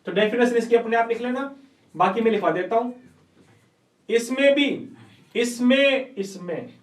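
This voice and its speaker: A man's voice: very high-pitched, a little slow. A male chemistry teacher giving an online class lecture, playful and coaxing, quizzing students with rhetorical questions and folksy sayings. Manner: calls students "beta ji", uses folksy sayings. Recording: echoey room, distant mic.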